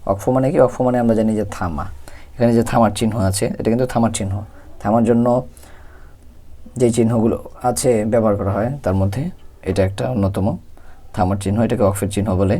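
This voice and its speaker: Man teaching Quran reading, low mellow voice. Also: fairly even intonation. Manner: spells out letters and vowel marks slowly, then reads them together. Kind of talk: step-by-step lesson.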